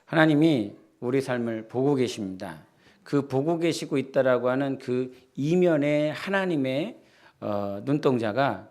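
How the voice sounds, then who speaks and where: A man's voice: medium pitch, a little mellow. A man preaching a church sermon in an easy, conversational way, now and then acting out quoted lines in a raised voice. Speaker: pastor.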